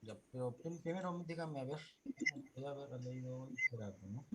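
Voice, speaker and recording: A man's voice: medium pitch, expressive, moderate pace, bright, forceful tone. A man teaching an online class, going over pupils' reading mistakes and counting errors aloud.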